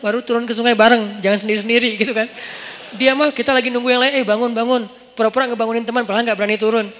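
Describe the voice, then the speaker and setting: A man preaching in a casual, storytelling way with a light touch, acting out dialogue with lively shifts of voice in a large mosque hall. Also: very high-pitched. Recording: long hall reverb.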